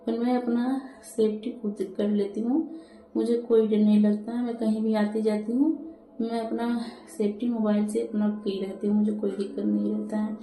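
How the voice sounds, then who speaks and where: Woman chatting a long story to camera, very dark tone, kind of roomy echo. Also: a little high, level tone, moderate pace, soft background music. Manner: chatty, repetitive, acts out the driver's lines. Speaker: vlogger. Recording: echoey room.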